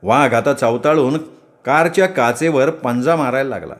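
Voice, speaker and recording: A man's voice: mid-range voice, normal speed. Man telling a dramatic story. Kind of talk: Marathi story narration.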